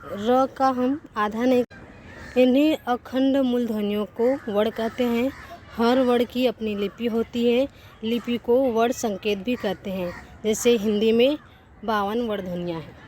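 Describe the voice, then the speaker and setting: A woman's voice: fairly high pitch, steady tone, unhurried, a little mellow, a little hiss or hum. A woman teaching a grammar lesson, sounding out letters one by one and restarting her sentences as she goes. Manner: repeats and corrects herself mid-sentence.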